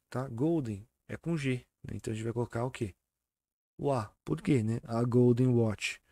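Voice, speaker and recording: A man teaches an online exam-prep English lesson in a mid-range, slightly mellow voice, recorded at studio quality with no room sound. Patient and repetitive, he spells out words slowly, repeats them, and often checks that students are following.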